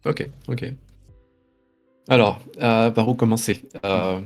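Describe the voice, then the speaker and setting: A man's voice: medium pitch, slow, faint music behind. A man in his thirties from France, a guest in a casual interview, talking in a rambling, hesitant way as he reminisces. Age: 30s.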